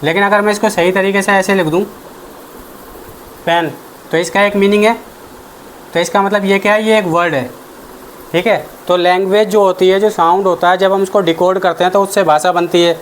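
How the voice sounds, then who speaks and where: A man's voice: high voice, steady tone, moderate pace, long pauses, a little hiss or hum. Man teaching grammar, asking his own questions. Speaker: English teacher. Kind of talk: exam-prep grammar lesson.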